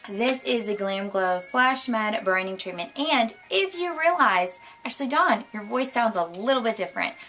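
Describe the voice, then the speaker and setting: A young woman with a hoarse, worn voice, chatting casually at home in a rambling, bubbly way with lots of asides. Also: on the high side, lively intonation, unhurried, fairly bright tone. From Florida, US. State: hoarse, losing her voice. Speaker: beauty vlogger. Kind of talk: casual chat. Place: home, indoors. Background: light jazz music.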